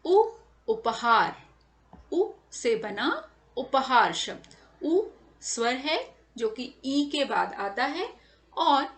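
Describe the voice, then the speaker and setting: A woman's voice: on the high side, fairly bright tone. A woman teacher giving a careful lesson to children, stretching and stressing each sound as she says it over slides.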